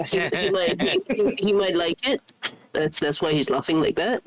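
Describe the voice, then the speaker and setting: A man's voice: on the high side, animated, normal speed, crowd noise, rough recording. A man playing in an online tabletop game, easygoing and stumbling over his words. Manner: stammers on restarts, easygoing. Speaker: player. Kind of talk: casual game chat.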